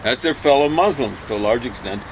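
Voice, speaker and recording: Male vlogger, mid-pitched, emphatic and halting by turns, rambling opinion piece with clear background noise. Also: poor audio. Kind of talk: rambling opinion monologue on current events. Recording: steady ambient background noise.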